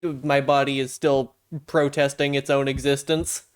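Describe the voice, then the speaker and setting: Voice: medium pitch, level tone, unhurried, clear, resonant tone. A live streamer chatting casually with viewers in a playful, self-deprecating gamer manner. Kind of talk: casual livestream chat with viewers.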